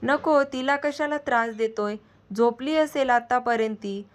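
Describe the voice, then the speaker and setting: Woman reading as a gentle, wise aunt. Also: fairly high pitch, measured pace, close to an everyday voice. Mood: tender.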